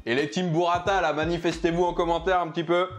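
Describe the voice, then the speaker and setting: A man's voice: on the high side, flat delivery, quick pace, soft background music. A man reviewing pizzas for his food vlog, chatting casually and joking while he eats. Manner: chatty, jokey, eating while talking. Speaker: food vlogger.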